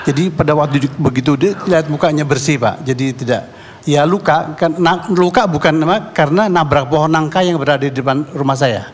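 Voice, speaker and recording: Halting middle-aged-sounding Indonesian man, eyewitness. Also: a little high, breathy edge, in a large hall. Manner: halting, repeats and restarts words. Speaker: neighborhood head and eyewitness guest. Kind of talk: eyewitness account on a talk show.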